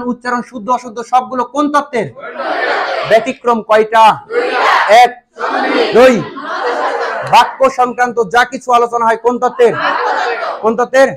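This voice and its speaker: A man with a Bangladeshi accent and a very high-pitched voice leads a coaching class in call-and-response, shouting quick questions and laughing often. A crowd of students answers behind him. The recording is noisy and full of classroom hubbub. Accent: Bangladeshi Bengali. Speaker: nursing coaching teacher. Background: students answering in chorus.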